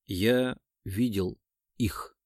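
A male audiobook reader voicing a dazed young man, speaking quietly and low after a strange vision, recorded in a dry booth. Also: drawn-out words, dry recording. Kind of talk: audiobook character reading.

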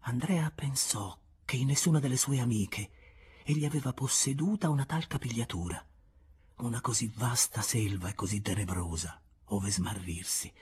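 Narrazione da audiolibro letterario: un lettore dalla voce maschile nella media, fortemente velata e soffiata. Legge con calma e cura, abbassando talvolta la voce in un sussurro. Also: male voice, mid-range voice, slightly rough. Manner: measured, expressive, sometimes dropping to a whisper. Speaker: audiobook reader.

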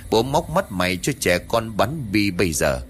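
A man voicing a brash, foul-mouthed young village man who shouts and taunts, in a spoken horror story. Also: fairly low pitch, very animated, moderate pace, a little hiss or hum. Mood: taunting.

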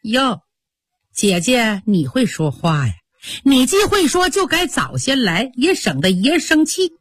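Brief: a woman doing a scornful young maid, high and biting, a husky edge. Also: huge pitch swings, measured pace, dry recording, full character voice. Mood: sneering. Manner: sneering, scornful. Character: sharp-tongued young maid, jealous and proud.

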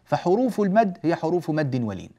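A man teaching Quran recitation rules, explaining a classical poem in a measured, patient way, stretching the example words and checking in with his listeners. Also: fairly high pitch, very animated, dark tone.

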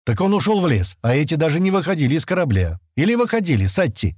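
A man voicing a timid, easily frightened young woman with a high, pleading voice, in a dry, close recording. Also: very animated, fast, a little mellow, no echo. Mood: excited. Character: timid, tearful young woman space traveler.

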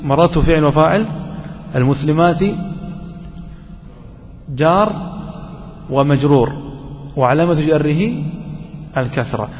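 Guy teaching grammar to a class, voice on the high side, quizzing then answering himself, long hall echo, muffled recording. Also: slight background noise. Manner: explains slowly, asks the class questions and answers them himself. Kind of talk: classroom lesson.

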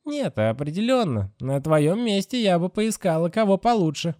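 A man voicing a sharp-tongued middle-aged female caretaker who scolds with open contempt. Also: high voice, sing-song, normal speed, no echo, clean studio sound, voice pushed up. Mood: scolding.

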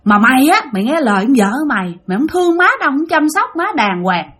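A scolding ghost of an older woman, put on by a woman storyteller, shrill and accusing, with a Southern Vietnamese accent. Her voice sits high and swings widely as she berates her kin in a spoken ghost story. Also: lively intonation, brisk, fairly bright tone. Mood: furious scolding.

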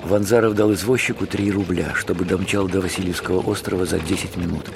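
A man's voice: deep voice, fairly even intonation, brisk, vocal fry, background noise. A man narrating a dramatic story from a script.

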